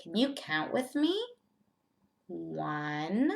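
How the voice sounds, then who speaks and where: A woman teacher giving a step-by-step math lesson to young children, speaking in simple, deliberate phrases and putting questions to the learners. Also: deep voice, big pitch swings, vocal fry.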